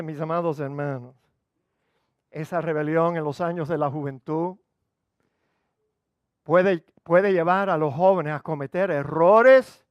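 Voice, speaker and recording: A man's voice: on the high side, no room sound, clean studio sound. An older male pastor preaches a sermon in a conversational, humorous storytelling way, slipping into English phrases now and then. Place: church.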